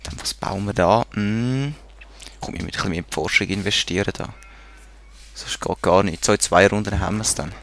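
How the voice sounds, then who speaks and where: A man with a Swiss German accent casually comments as he plays a strategy game, muttering to himself and addressing the units on screen. His voice sits fairly low, moves fairly quickly, and has a slightly bright quality. He's a let's play gamer.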